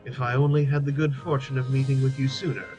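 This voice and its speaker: A man's voice: mid-range voice, level tone, fast talker, dark tone, faint music behind, natural voice, poor audio. A man voicing a courteous, melancholy knight adventurer in a formal way. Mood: courteous, rueful.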